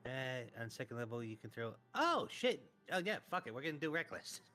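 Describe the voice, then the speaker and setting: A man's voice: medium pitch, animated, quick pace, pushed and bright, faint music behind. A male player at a tabletop game, talking casually and thinking aloud over the rules.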